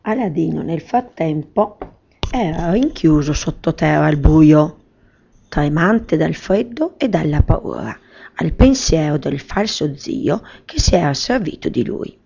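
A woman storyteller reading a children's fairy tale aloud in gentle, measured narration. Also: low voice, expressive, vocal fry, slightly rough, lo-fi sound.

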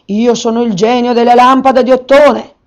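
A woman doing a booming servile genie. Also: flat delivery, moderate pace, close to an everyday voice. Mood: grand. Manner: loud, declaiming. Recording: slightly muffled recording.

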